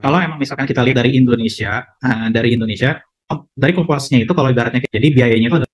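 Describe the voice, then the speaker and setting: A man giving a presentation over a video call, and his audio keeps breaking up and dropping out. He talks fast and explains with many fillers and restarts. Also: medium pitch, dry recording, rough recording.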